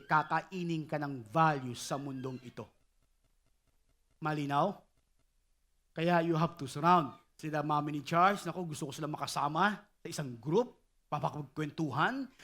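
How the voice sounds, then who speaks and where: A middle-aged man preaching a sermon as pastor, animated and repeatedly asking the congregation if they follow. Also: on the high side.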